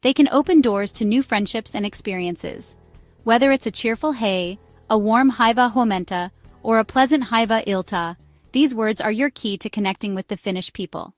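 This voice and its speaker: A woman giving a scripted travel phrase lesson in an upbeat tone, repeating words slowly so listeners can practice. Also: fairly high pitch, no room sound. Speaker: language tutor. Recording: dry close mic with faint music.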